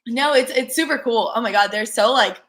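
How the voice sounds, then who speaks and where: A woman's voice: fairly high pitch, brisk, fairly bright tone. A young woman from India whose first language is Telugu, hosting a livestream workshop in a chatty, upbeat way and reading the chat aloud.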